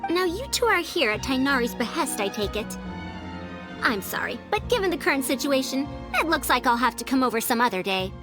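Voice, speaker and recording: A woman's voice: sits high, very animated, fairly quick. An actress voicing a prim, fussy female elder scholar who talks in a lofty, scolding way, in game audio. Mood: reluctant. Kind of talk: game voice acting. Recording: game audio with faint music.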